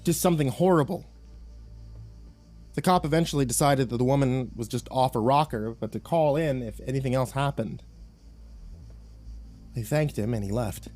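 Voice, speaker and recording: Male creepypasta narrator, tense first-person delivery with nervous stammers, mid-pitched voice. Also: moderate pace, long pauses, a little mellow, soft background music. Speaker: horror story narrator.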